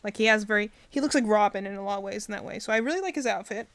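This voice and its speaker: Talking very fast at a medium pitch, this woman streams her reactions to game character trailers. Her take is casual and opinionated, rambling as she thinks out loud.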